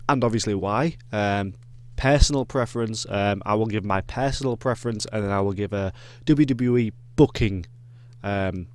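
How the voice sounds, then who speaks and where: A man with a Yorkshire accent giving casual wrestling predictions, rambling with lots of ums and self-corrections. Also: fairly low pitch. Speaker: wrestling reviewer.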